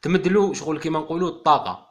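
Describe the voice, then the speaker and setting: An Algerian-accented man keeps up a quick, chatty explanation as he talks straight to his viewers. He is a bird keeper giving a casual video talk. The sound rings around a roomy, echoey space. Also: on the high side. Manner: explanatory, addresses viewers directly and informally.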